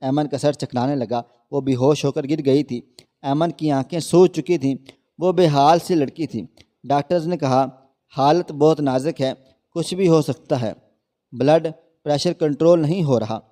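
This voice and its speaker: Brief: male storyteller, slightly high voice, mellow and soft, earnest scripted narration.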